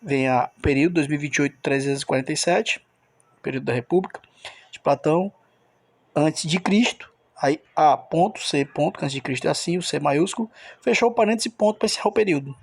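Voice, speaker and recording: A man's voice: a little high, fast talker, gravelly, no echo. A man teaching a recorded grammar lesson, explaining step by step and checking in with the listener.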